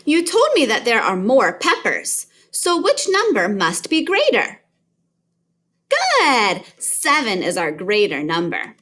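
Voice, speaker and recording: A woman's voice: on the high side, huge pitch swings, takes it slowly, fairly bright tone. Sing-song woman teacher, like a kids show host. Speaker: kindergarten teacher. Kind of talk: children's math lesson, counting along.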